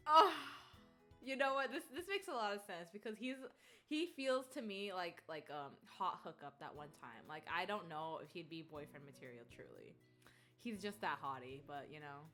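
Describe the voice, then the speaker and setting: Animated, giggly woman streamer. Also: on the low side, moderate pace, soft background music. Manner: animated, giggly, reads lines aloud then reacts with playful squeals. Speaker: game streamer. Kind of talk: live playthrough, reading game text and reacting.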